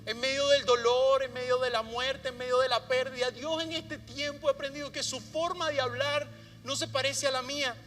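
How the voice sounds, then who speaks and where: A man preaching a sermon as pastor, often dropping to a soft hushed voice to stress a point. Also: extremely high pitch, steady tone, normal speed. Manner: drops to a soft hushed voice for emphasis. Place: church sanctuary. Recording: long hall reverb.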